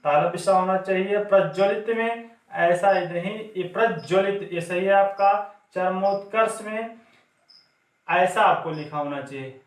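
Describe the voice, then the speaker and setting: High-voiced male teacher quizzing the class. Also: a little slow. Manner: repetitive call-and-response quizzing. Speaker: Hindi spelling teacher. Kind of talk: classroom lesson. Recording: echoey room, mic at a distance.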